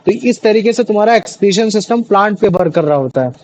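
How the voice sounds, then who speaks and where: Brief: male tutor, high pitch, chatty, keeps quizzing students, mix. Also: animated, quick pace, a little mellow, low-quality recording. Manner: chatty, repeats questions to students, many fillers. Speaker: teacher. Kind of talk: classroom biology lesson.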